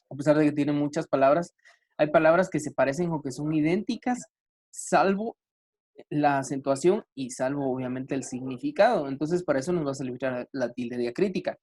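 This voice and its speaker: A man teaching an online grammar class, talking slowly with many fillers and restarts. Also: fairly high pitch, darkish tone.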